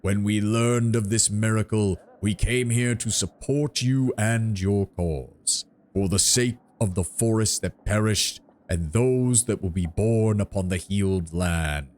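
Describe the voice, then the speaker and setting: A man's voice: lowish voice, a little slow, a little mellow, natural voice. A man voicing an ancient, gnarled treant guardian from a fantasy game, grand, formal and ponderous in his oratory. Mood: solemn, pleading. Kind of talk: fantasy game dialogue read aloud.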